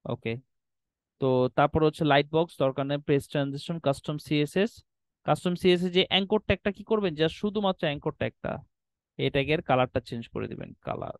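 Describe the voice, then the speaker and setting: A man with a fairly high, clean-toned voice speaks fast as he demonstrates website design settings on screen for students. As a web design instructor in this screen-recorded tutorial, he often checks in with "ঠিক আছе?" and uses English terms. There is no echo.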